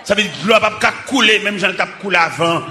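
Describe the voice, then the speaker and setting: A man with a Haitian accent preaching a sermon, calling out fervently in short, shouted bursts. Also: high voice, fast, faint music behind. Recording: echoey church with congregation and noise.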